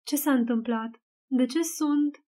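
Femeie care dă glas unui tânăr tulburat, răgușit și încet; voce înaltă, moale. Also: female voice, sits high, close to an everyday voice. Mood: dazed. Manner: hoarse and quiet. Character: troubled young man, dazed then calm.

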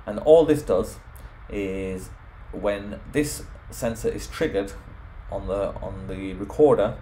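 A man with a warm, lowish voice talks slowly through an informal home automation tutorial, explaining the software on screen one step at a time. A slight hiss or hum is present.

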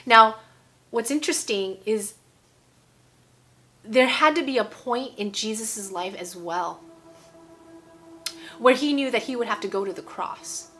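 A woman's voice: on the high side, a little slow, pauses often, fairly bright tone. A woman in her forties giving a casual, emphatic sermon to camera at home, repeating phrases and checking in with "okay?". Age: 40s. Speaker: preacher. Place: indoor room at home.

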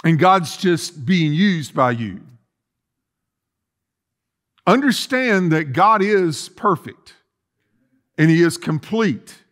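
His voice is a little high and fairly bright, very animated yet slow, with long pauses. The middle-aged pastor delivers an emphatic sermon full of rhetorical questions and repetition, recorded inside a church sanctuary with empty chairs.

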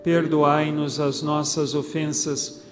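A man with a Brazilian Portuguese accent leading a recited rosary prayer in a steady chant. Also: a little high, slow. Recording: long reverb with background music.

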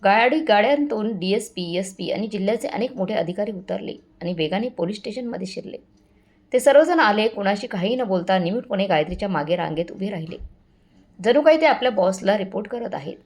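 A woman's voice: medium pitch, lively intonation, brisk, darkish tone. A woman reading a dramatic story aloud and speaking every character's lines in much the same voice. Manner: addresses listeners as friends, reads all characters' lines in near-natural voice. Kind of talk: scripted story narration.

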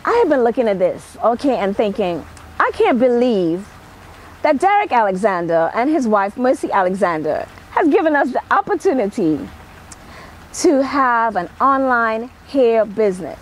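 Very animated and speaking at normal speed, a woman with a fairly high voice gives an emphatic, motivational personal talk to camera, sprinkling in "okay." She is a middle-aged celebrity hairstylist and makeup artist with a Trinidadian accent, filmed outdoors on a patio at night. The recording is rough, with a little hiss or hum.

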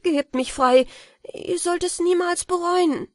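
A woman's voice: very high voice, slow, no echo, clean studio sound, pitched above the performer's own voice. Woman voicing a frightened pleading boy.

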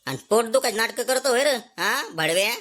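A woman playing a village father who scolds and insults his lazy son in a comedy sketch. He uses rough rustic slang. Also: a little high, animated, a little fast, a bit bright. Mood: scolding.

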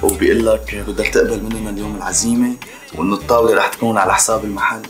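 A man's voice: fairly low pitch, level tone, racing, close to an everyday voice. A man playing a polite, gossipy restaurant waiter. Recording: roomy room with music behind.

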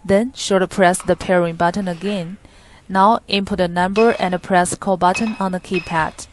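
Female voice-over for a product how-to, low register, steady read. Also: moderate pace, slight background noise. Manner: plain, steady reading with small grammar slips. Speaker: product demo narrator. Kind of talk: scripted instructional voice-over.

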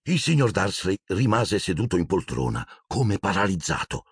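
A man narrating an audiobook in an expressive storytelling manner. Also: low voice, normal speed, husky, dry recording, clean studio sound. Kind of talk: scripted narration.

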